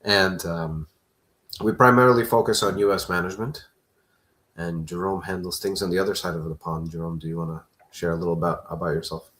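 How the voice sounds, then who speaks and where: A man hosting a live question-and-answer stream, talking in a relaxed, conversational way. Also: low voice, fairly quick. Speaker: host.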